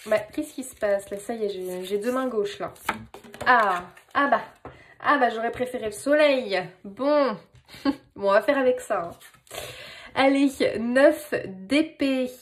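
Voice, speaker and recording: A woman's voice: a little high, measured pace, a little hiss or hum. A woman with a French accent giving a casual, playful tarot reading, talking with lots of fillers. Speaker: tarot reader.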